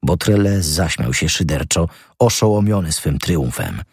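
Male audiobook narrator, very low and husky, measured dramatic delivery. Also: animated, a little mellow, no echo, studio quality.

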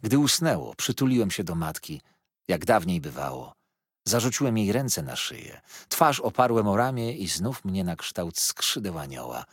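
A man narrates an audiobook in an expressive reading, with a lowish voice that rises and falls widely. The tone is slightly husky, and it is recorded close and dry with no room sound. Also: moderate pace, no room sound.

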